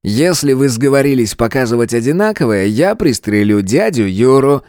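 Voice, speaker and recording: A man reading an audiobook and voicing a callous young male shooter who mocks and threatens his hostages in a raised, deliberate voice. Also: mid-range voice, animated, a little mellow, no echo, studio quality, voice pushed up, close to an everyday voice. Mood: mocking. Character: cold menacing young male school shooter.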